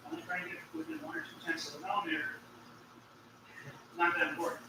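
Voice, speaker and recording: Guy explaining a machine, high and super animated, far off in an echoey room with loud noise. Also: quick pace. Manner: pointing out details, directive. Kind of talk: casual shop-floor explanation. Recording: distant, roomy, very noisy video audio.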